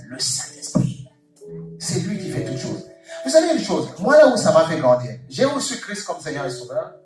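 A man preaching with fervour, his fairly high voice leaping up and down as he repeats phrases and calls out alleluia. He is heard from a distance in a very echoey church hall, with music playing clearly behind him. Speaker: pastor. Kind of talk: sermon.

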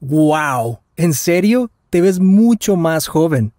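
A male voice actor with a slightly high, warm voice and big swings in pitch speaks slowly as Daniel, a curious twenty-something traveler. The scripted language lesson dialogue, delivered carefully at slow and normal speeds, has studio quality with no room sound.

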